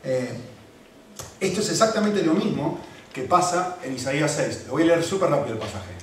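Male preacher, animated sermon delivery with wide pitch swings, distant mic, faint noise. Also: normal speed. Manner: animated, emphatic, repeats phrases for emphasis. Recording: echoey room from far off, faint background noise.

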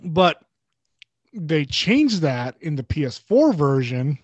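A man's voice: fairly high pitch, a little mellow, dry recording, dull audio. A young man in casual chat about video games, rambling loosely and swearing often.

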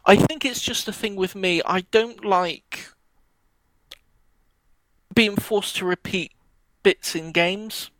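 Casting: male podcast co-host, rambling and hesitant, fairly high voice. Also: slow, long pauses, a bit bright, low-quality recording. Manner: rambling, hesitant, many ums and restarts. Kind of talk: casual chat about video games.

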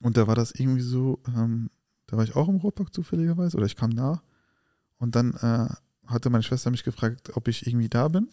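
On a casual podcast, a male co-host tells a story at speed, animatedly acting out everyone's quoted lines. His medium-pitched voice is dark and mellow, recorded close and dry.

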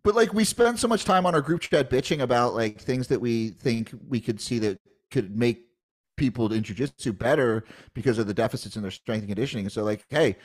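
A man's voice: medium pitch, a little fast. Joking, swearing male podcast co-host. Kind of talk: casual podcast chat.

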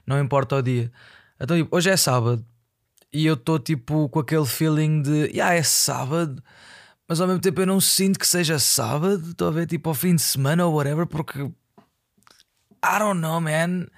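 A young man with a European Portuguese accent, chatting casually on a solo podcast in a rambling, slangy, confessional way with bits of English mixed in. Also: medium pitch. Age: young adult. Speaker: podcast host and musician.

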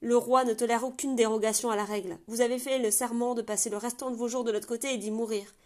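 A man's voice: very high-pitched, steady tone, quick pace, a little mellow. A woman voicing a stern, rigid male fortress commander with a clipped, commanding delivery.

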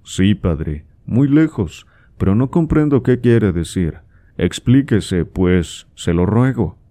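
A man reading aloud and voicing a proud, reserved young gentleman who answers his father formally and dryly. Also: fairly low pitch, animated, slow. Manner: dry, formal replies.

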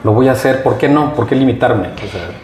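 A man speaks calmly and agreeably in a casual chat. His mid-pitched voice carries a noticeable room echo. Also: a little fast. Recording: echoey room.

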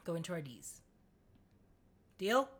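A woman's voice: lowish voice, very animated, slow, fairly bright tone. A woman co-hosting a podcast in casual chat, bubbly and playful with frequent giggles. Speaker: podcast co-host.

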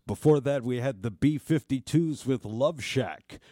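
A man working as a radio DJ, casually announcing songs in a halting, rambling way. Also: mid-range voice, mellow, dry recording, studio quality. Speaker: radio music DJ. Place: radio studio.

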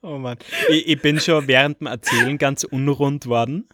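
A man co-hosting a casual podcast, teasing and deadpan. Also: mid-range voice, normal speed, no echo, clean studio sound. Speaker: podcast co-host.

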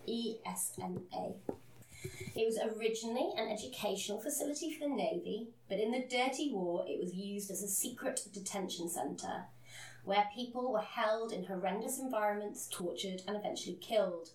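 A woman's voice: mid-range voice, moderate pace, a little mellow. Woman telling a story in a roomy room. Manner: earnest, self-deprecating, laughs at herself. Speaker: podcast co-host. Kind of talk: casual conversational storytelling. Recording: roomy, a bit distant from the mic.

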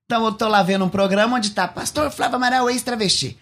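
A man's voice: high-pitched, fast. A man from Paraná, Brazil, telling his conversion testimony with feeling and acting out what people said. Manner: animated storyteller, acts out quotes in shifting voices. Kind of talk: emotional testimony.

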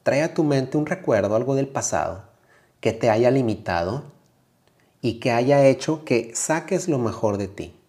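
A man with a Mexican Spanish accent, a yoga teacher hosting a motivational podcast, speaking calmly and reflectively straight to the listener. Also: mid-range voice, measured pace.

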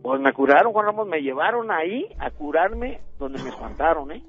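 A man's voice: fairly high pitch, lively intonation, moderate pace. Mexican accent, middle-aged man, hesitant rambling caller, tinny phone line, faint music behind. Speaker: radio caller. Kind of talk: telling a ghost story on a call-in show.

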